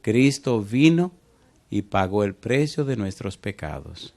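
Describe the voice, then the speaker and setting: A man preaching a sermon and telling a story from the pulpit. He moves from hushed, tender passages to sudden loud cries. He often turns to the congregation with direct questions. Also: lowish voice, very animated, slow, vocal fry. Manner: storytelling preacher, swings from soft to loud exclamations. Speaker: pastor.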